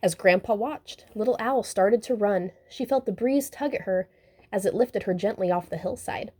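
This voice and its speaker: A woman reading a children's picture book aloud, gentle and expressive. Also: medium pitch, moderate pace. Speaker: storybook reader. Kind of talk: children's story read-aloud.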